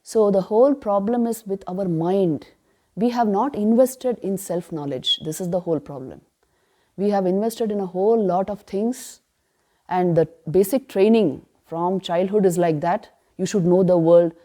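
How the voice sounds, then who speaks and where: This spiritual teacher, a woman with a medium-pitched, dark-toned voice, leads a scripture class at a retreat. She speaks emphatically, poses rhetorical questions and answers them, and chants verses slowly.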